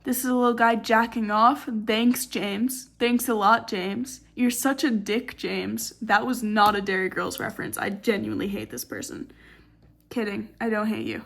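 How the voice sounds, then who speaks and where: A woman's voice: medium pitch, normal speed, vocal fry, a bit bright. A young woman in her late teens giving a casual late-night tour of her sketchbook. She is tired and rambling, joking and swearing in sarcastic asides, in a dim room at night. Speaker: artist showing her sketchbook.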